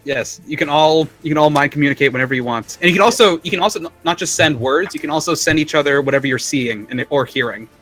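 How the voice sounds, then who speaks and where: Guy game master narrating a tabletop session, brightish voice, music playing. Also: fairly high pitch, quick pace, hardly any pauses. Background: background music.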